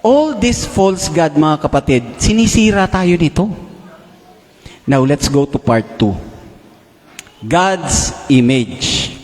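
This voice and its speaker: A man's voice: a little high, lively intonation, takes it slowly, pauses often, a little mellow. A male preacher giving a sermon, addressing his listeners as brothers and sisters and posing rhetorical questions. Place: large worship hall. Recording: long reverb of a big hall.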